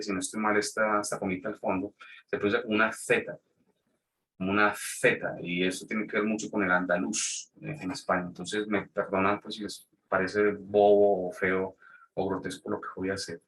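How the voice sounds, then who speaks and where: A man's voice: on the low side, a bit bright, far from the mic, rough recording. A man giving an online lecture, explaining step by step, often checking in with his listeners and correcting himself mid-word. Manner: restarts and corrects words mid-phrase.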